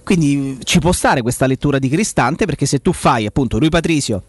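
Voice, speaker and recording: A man's voice: mid-range voice, animated, brisk, no echo. A man giving analytical football commentary on radio, reasoning tentatively aloud through the options.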